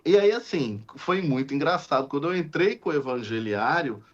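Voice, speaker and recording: A man, a deacon visiting a podcast, tells a story with lively energy and often restarts his sentences. His voice sits a little high for a man. The audio is slightly dull and lo-fi. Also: normal speed. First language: Portuguese. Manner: animated, acts out quoted dialogue, frequent restarts. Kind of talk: storytelling in casual conversation.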